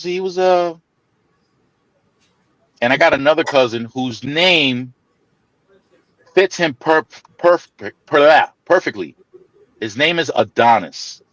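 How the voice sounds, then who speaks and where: Animated, laughing man telling a story. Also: no echo, low-quality recording. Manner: animated, laughing, stammering restarts, swings into high mimicking voices. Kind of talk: casual storytelling chat.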